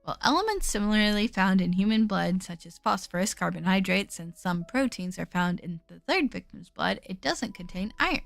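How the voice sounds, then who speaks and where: A woman reading a visual novel aloud as a studious, pensive investigator, measured and formal. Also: mid-range voice, expressive, gravelly, dry recording, faint music behind, voice pushed down. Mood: pensive, analytical.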